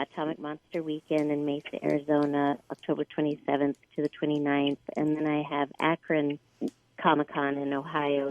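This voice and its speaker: A woman chatting as a guest, friendly and halting with many fillers. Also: deep voice, no room sound. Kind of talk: casual interview chat. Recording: dull dry lo-fi audio.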